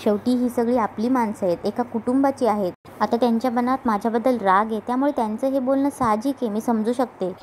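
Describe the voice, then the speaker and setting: A woman voicing a gentle, dutiful young daughter-in-law, speaking softly and slowly. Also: fairly high pitch, fairly even intonation, slight background noise, pitched above the performer's own voice, close to an everyday voice. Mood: calm.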